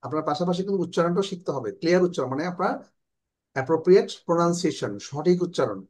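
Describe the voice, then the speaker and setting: Bangladeshi male English teacher, slow modelling. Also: fairly high pitch, animated, darkish tone. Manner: explains in Bengali, slowly models English phrases. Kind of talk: online English class.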